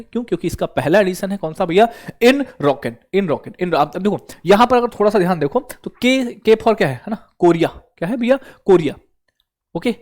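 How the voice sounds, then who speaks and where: A man teaching exam prep, who keeps asking the viewer questions and answering them himself. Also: sits high. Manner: repeats questions to the viewer and answers them, calls listeners brother.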